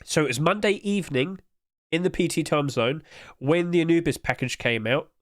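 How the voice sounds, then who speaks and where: In clean studio sound with no echo, a man whose nose is blocked talks through in-game item prices during a casual screen-share. He speaks at a moderate pace in a slightly high voice, loose and heavy on fillers.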